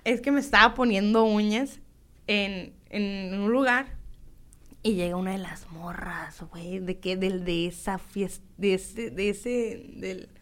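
A woman's voice: mid-range voice, slow pace. A young woman from Sinaloa, Mexico, with a Sinaloan Mexican Spanish accent, telling a story in casual, slangy chat and acting out the voices. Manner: animated, slangy, acts out voices in quotes.

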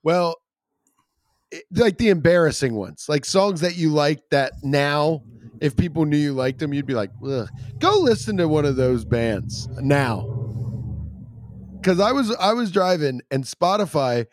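A man co-hosting a podcast in casual banter, swearing and joking through lively rants. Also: a little high, unhurried, no echo, clean studio sound. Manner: swearing, animated, jokey rants. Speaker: podcast co-host.

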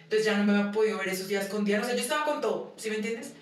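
A young woman, a guest in a casual interview, talks very fast at a medium pitch while sharing personal stories, acting out dialogue and laughing often. She's recorded from far off in an echoey room, with some noise.

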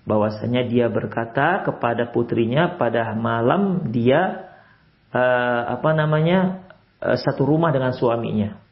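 A man preaching a sermon lecture, swinging from raised exclamations to quiet low advice. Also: unhurried, highs cut off. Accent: Indonesian. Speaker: Islamic preacher.

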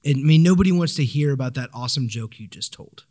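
A podcast guest with a medium-pitched male voice, talking casually. He comes across as easygoing and frank. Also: expressive, quick pace, darkish tone. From Oklahoma. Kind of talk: casual chat.

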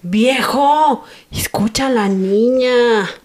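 A woman's voice: a little high, slow pace, darkish tone. An actress playing a worried, insistent mother who scolds her husband, with a Mexican Spanish accent. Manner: pleading, scolding.

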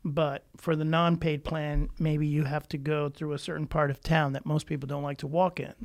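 A man's voice: on the high side, level tone, moderate pace. A man hosting a podcast, asking short questions and giving brief agreeing replies. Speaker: podcast host. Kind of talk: casual interview.

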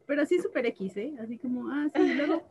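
A woman's voice: high voice, fast, slight background noise, rough recording. A woman, a tattoo artist chatting casually and acting out conversations as she tells stories. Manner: animated storyteller, acts out dialogue, laughs often. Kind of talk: casual chat.

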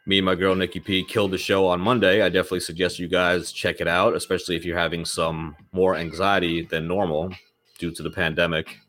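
He talks quickly in a low, flat, fairly bright voice while faint music runs behind him. The podcast host rambles casually through his show, cursing freely, a bit nasal from a cold he hasn't shaken.

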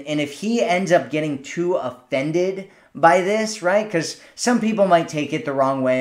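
A man hosting a podcast, giving relaxed dating advice straight to a female listener and often checking in with "right?". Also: fairly high pitch. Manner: speaks directly to a female listener. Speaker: podcast host, dating coach. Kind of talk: casual advice monologue.

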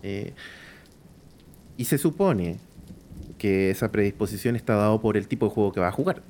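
A Chilean man chatting casually on a podcast about horror role-playing, pausing often with fillers and restarts. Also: lowish voice, lively intonation, a little mellow. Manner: hesitant, many fillers and restarts. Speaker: podcast host discussing tabletop horror games.

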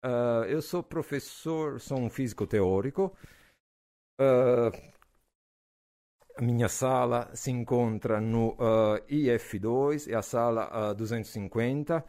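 A man in his forties from Naples with an Italian accent, a physics professor answering interview questions in a relaxed way, with frequent hesitations and fillers. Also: mid-range voice, slow. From Naples, southern Italy. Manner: hesitant, many "ah" fillers, laughs easily.

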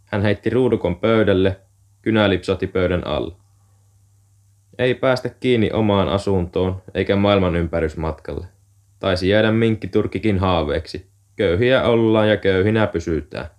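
A man calmly narrating an audiobook chapter in a steady storytelling manner. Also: deep voice. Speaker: audiobook reader. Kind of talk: scripted narration.

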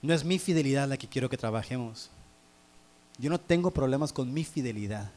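A preacher lowering his voice to play God, a calm fatherly spirit who questions gently and quietly. The voice sits lower and softer than his own, unhurried and searching. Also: close to an everyday voice. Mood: solemn.

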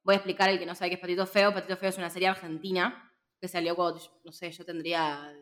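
A lowish, fast voice belongs to a woman in her twenties who co-hosts a film podcast. With her Rioplatense Spanish accent, she recounts stories in a relaxed, slangy way, laughing and animated throughout.

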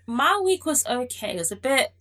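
A woman's voice: high-pitched, very animated, moderate pace, bright, forceful tone. A woman, chatting casually as a podcast co-host. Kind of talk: casual group chat.

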